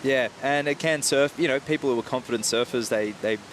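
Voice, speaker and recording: A man giving conversational analysis as a surf coach and guest commentator. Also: fairly quick. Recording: clear outdoor hiss and rumble behind.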